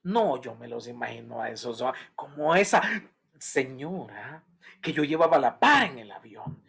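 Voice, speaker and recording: A man preaches a Bible study as pastor. His pitch swings widely and animatedly as he tells stories, and he acts out other people's voices. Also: expressive, normal speed, gravelly, fairly bright tone.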